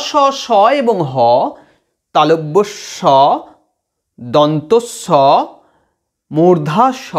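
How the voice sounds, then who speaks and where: A man teaching students phonetics, patiently explaining and repeating sounds aloud to demonstrate them. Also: fairly high pitch.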